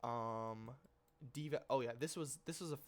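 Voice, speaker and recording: At normal speed and medium pitch, a stuffy-nosed man who hosts a trading channel walks through his trades on a casual screen share. He rambles in slangy, informal fashion, corrects himself repeatedly, and swears mildly.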